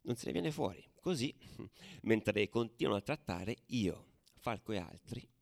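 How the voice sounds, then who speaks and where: A man with a lowish, gravelly, expressive voice delivers a full character performance as a tough young football ultra, recounting his exploits at a measured pace. His colloquial, intense radio monologue builds tension, swinging between hushed tones and shouts. The recording is dry and studio-clean.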